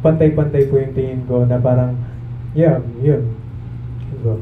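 A young man, an actor at a press conference, giving polite, soft-spoken, rambling answers into a handheld mic in a large room. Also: mid-range voice, steady tone, moderate pace, phone-quality sound, slight background noise. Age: young adult. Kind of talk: casual interview answers. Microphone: handheld mic, recorded by a far camera. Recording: echoey room from far off, thin sound.

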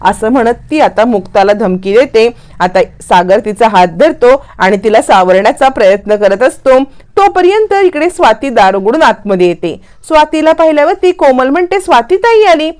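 Woman storyteller, casual plot recap, a bit higher voice. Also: animated, normal speed, darkish tone. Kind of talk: casual retelling of a TV serial episode.

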